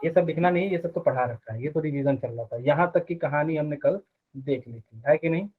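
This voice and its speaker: Male physics teacher, slightly high voice, thin phone-like sound, asks a lot of questions. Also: breathy edge. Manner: explains step by step, quizzes students with quick questions. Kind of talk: live online class.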